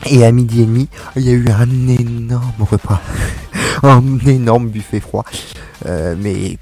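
A man's voice: mid-range voice, fairly even intonation, a little slow, dark tone, faint music behind. A young man hosting a casual radio chat, joking and laughing often as he talks. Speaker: radio show host.

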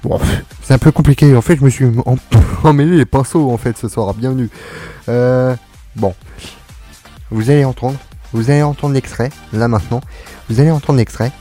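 A man hosting a radio show in a casual, joking way, stumbling over his words and filling pauses as he goes. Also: mid-range voice, warm tone, faint music behind. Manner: halting, full of fillers and restarts; joking, self-mocking. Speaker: radio host.

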